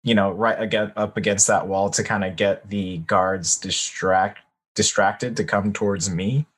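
Low voiced guy, stalling with uhs, asking the gm stuff. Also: fairly even intonation, unhurried, husky. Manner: hesitant, thinking aloud. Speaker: player. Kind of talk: casual game chat.

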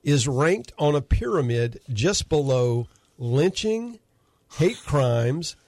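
A man's voice: on the high side, sing-song, slow pace, darkish tone, no room sound. A man hosting a talk radio show, folksy and sarcastic with lots of fillers. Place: radio studio. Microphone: studio microphone.

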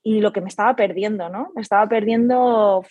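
A woman's voice: mid-range voice, fairly even intonation, a little fast, darkish tone, slightly rough, dry recording, muffled recording. A woman, the owner of a pilates studio, talking reflectively in a casual interview, with many hesitations and restarts.

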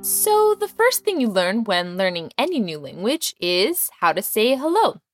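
A woman born in Iran whose first language is Persian, teaching a scripted podcast language lesson with clear, upbeat delivery and slow modelling of words. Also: mid-range voice, very animated, faint music behind.

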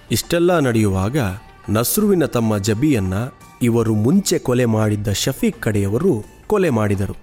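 A man narrating a true-crime podcast in a measured, steady storytelling voice. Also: mid-range voice.

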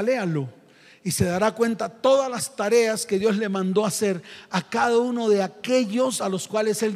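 Pastor preaching loud and emphatic, very high voice, echoey church. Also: male voice. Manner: emphatic call-and-response preaching. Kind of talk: sermon.

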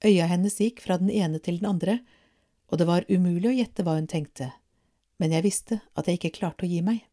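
Calm woman reading a storybook. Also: fairly low pitch. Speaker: reader.

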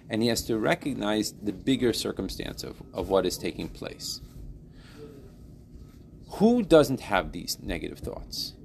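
A man teaching a class, lively and playful, building to emphatic points with everyday examples. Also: lowish voice, vocal fry, a little hiss or hum. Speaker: Torah teacher. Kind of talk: classroom lesson.

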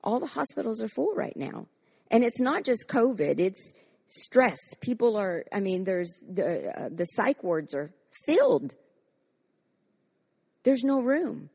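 A woman's voice: a little high, very animated, slow, creaky, dark tone, husky. A woman pastor preaching a fervent sermon and leading corporate prayer, acting out quoted voices with frequent restarts.

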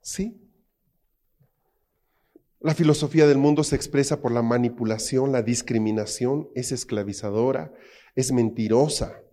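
A man's voice: mid-range voice, steady tone, a little slow, pauses often, mellow. A man preaching a sermon with emphasis, often asking the congregation rhetorical questions.

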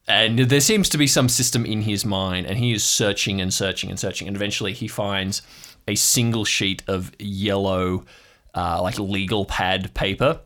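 Low-pitched guy running a tabletop game, easygoing narration. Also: steady tone, normal speed, hardly any pauses, fairly bright tone. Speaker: game master.

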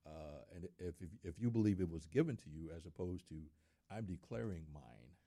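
A man's voice: deep voice, quick pace, dark tone, dry recording. A middle-aged man in casual studio talk, speaking earnestly and repeating words for emphasis.

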